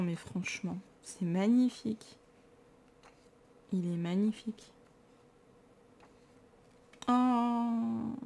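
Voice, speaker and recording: A tired French-accented vlogger shows off her books in a casual, chatty, enthusiastic way, teasing herself as she goes. Her voice is a little high with a dark tone.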